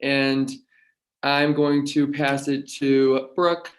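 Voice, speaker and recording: A man's voice: mid-range voice, level tone, very slow. A young man from Massachusetts on a casual video call panel, earnest and slightly rambling. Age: young adult. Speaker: student panelist. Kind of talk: casual livestream Q&A.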